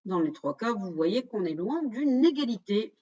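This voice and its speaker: A woman's voice: medium pitch, very animated, normal speed, dark tone, dull audio. A French-speaking woman presenting a quiz in an online webinar, addressing the audience directly and revealing the answers.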